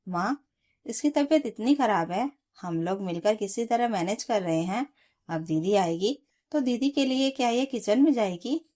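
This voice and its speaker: A woman's voice: a little high, expressive, a little slow, mellow, voice pushed up. A woman voicing a worried, protective young husband who pleads with concern in a storybook tale.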